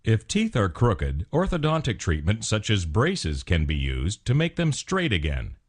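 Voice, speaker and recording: A man reading scripted instructional narration as a medical explainer, in a formal, measured, clinical way. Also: on the low side, huge pitch swings. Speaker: narrator of dental explainer videos.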